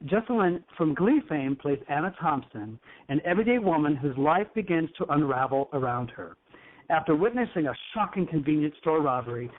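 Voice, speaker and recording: A man hosting a talk show in a flamboyant, teasing, effusive manner. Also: a little high. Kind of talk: campy talk show chat. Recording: tinny phone-like line.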